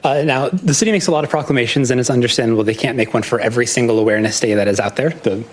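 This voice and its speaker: A man addressing a city council during public comment in an unhurried, deliberate way. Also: mid-range voice, slight background noise.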